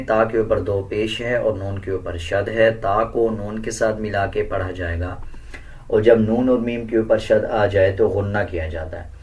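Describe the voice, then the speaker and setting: A man teaching how to recite the Quran, explaining the rules calmly and then chanting the verses slowly and melodiously, far louder than his explanations. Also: lowish voice.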